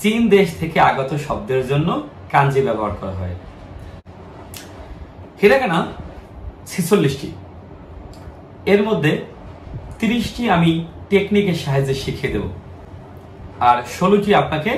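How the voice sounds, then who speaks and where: A man's voice: on the high side, big pitch swings, moderate pace, long pauses, roomy sound, a little hiss or hum. A man teaching a language lesson, patiently reading syllables aloud one by one in drills.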